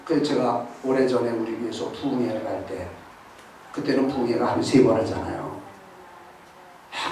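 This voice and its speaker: A middle-aged man preaching a sermon, telling a story and firing questions at the congregation. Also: medium pitch. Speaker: pastor. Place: church sanctuary. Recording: echoey hall, distant mic, faint hiss.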